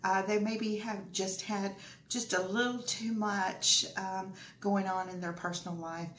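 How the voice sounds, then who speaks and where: A woman's voice: medium pitch, fairly even intonation, measured pace, fairly bright tone, echoey room, slight background noise. A woman giving a chatty, rambling tarot reading, full of fillers and asides. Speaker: tarot reader. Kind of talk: casual tarot reading to camera.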